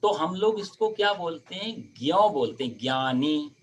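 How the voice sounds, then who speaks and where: Patient male Sanskrit teacher, slightly high and husky, spells out sounds slowly on a call. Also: lively intonation. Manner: patient, explains sounds by drawing them out slowly. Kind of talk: online Sanskrit pronunciation lesson.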